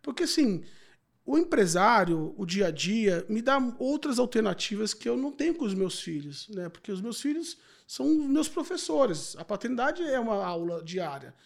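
Man in his forties, gravelly, reflective, podcast guest, from Brazil. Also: high voice, very animated, moderate pace. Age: 40s. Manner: reflective, repeats filler words. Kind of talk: casual interview chat.

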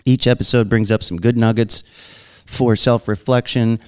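A man with a Long Island accent hosts a podcast in casual, chatty talk. He reads listener mail aloud in a smooth, resonant voice, laughing often and stopping for little asides. His pitch sits in the middle. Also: steady tone, moderate pace. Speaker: podcast host.

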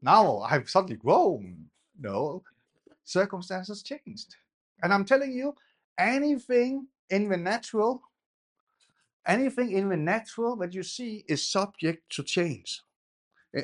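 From Denmark, this male preacher has a high voice and a conversational, informal style. He restarts and repeats words, climbing into emphatic bursts as he presses his points.

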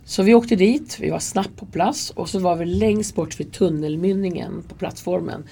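A woman speaks in a gravelly, husky, fairly low voice with a mellow, dark tone. She tells her stories candidly and earnestly, acting out what people said. It is a relaxed interview conversation. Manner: candid, earnest, acts out quoted dialogue. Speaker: interview guest, subway security worker. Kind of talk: casual conversational storytelling.

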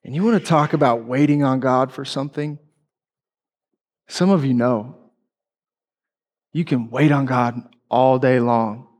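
A man's voice: mid-range voice, a little slow, pauses often. A man preaching a sermon, telling a personal story candidly and emotionally.

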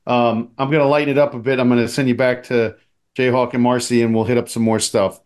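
A man's voice: medium pitch, flat delivery, a little mellow. Male co-host, medium voice, hesitant questioner, lots of ums. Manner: halting questions with many fillers. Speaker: podcast co-host. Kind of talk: casual interview.

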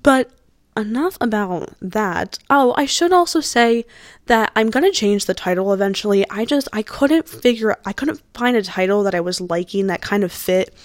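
In a clean studio recording that's dry, a woman in her early twenties from New Jersey hosts her solo podcast, chatting casually and rambling with fillers and restarts. She speaks at normal speed in an animated, medium-pitched voice.

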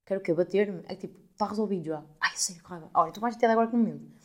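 A woman of twenty-one with a European Portuguese accent, telling a story to her podcast listeners in a casual, animated way, swearing freely and acting out the people she quotes. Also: mid-range voice, racing. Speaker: podcast host.

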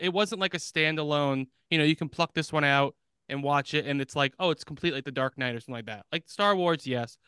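A man's voice: on the high side, pushed and bright, clear, resonant tone, dry recording. A man co-hosting a movie podcast in casual chat, easygoing and opinionated. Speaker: podcast co-host.

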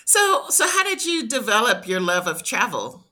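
Female interview host, bright, forceful tone; reads intros and asks questions. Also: fairly high pitch, very animated, moderate pace. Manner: reads a scripted guest introduction, then asks friendly questions. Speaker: podcast host.

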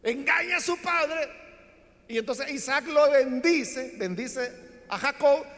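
A man preaching a sermon, telling a Bible story in an animated way and acting out the people in it. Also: very high voice, takes it slowly. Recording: long hall reverb.

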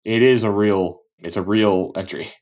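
Low-voiced man in casual podcast chat. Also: normal speed, a little mellow. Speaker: podcast co-host.

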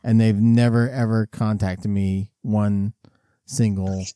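A man's voice: on the low side, steady tone, slow, dark tone, clean tone, no room sound, studio quality. A man hosting a casual podcast chat, calling in over a payphone line from an airport. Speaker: podcast host.

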